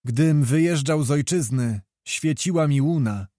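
A man reading a story aloud, voicing a dignified, grave king who speaks calmly and solemnly. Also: a little slow, no room sound, studio quality, lightly acted. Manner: calm, low, solemn.

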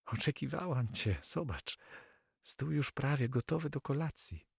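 A man doing a soft, high young Flemish woman. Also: lively intonation, unhurried, gravelly, slightly rough, no echo, clean studio sound, full character voice. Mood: eager. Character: young Flemish woman, tender, anxious, devoted. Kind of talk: audiobook character reading.

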